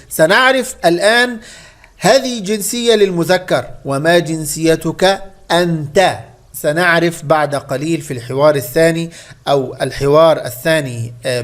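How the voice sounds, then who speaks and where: A man teaching a beginner Arabic lesson, speaking slowly, repeating words and asking the learner questions. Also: a little high.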